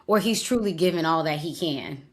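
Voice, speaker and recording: Low-pitched woman podcast co-host, wry and easygoing, casual recap chat. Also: lively intonation. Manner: wry, quick to laugh, dry asides.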